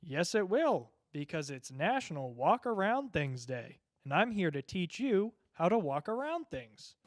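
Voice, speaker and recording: A man plays the upbeat, disembodied voice of a parody instructional video, speaking in a high, sing-song tone. The studio-quality recording has no echo, though music runs underneath. His delivery is slow, simple, and encouraging, like he's coaching a small child.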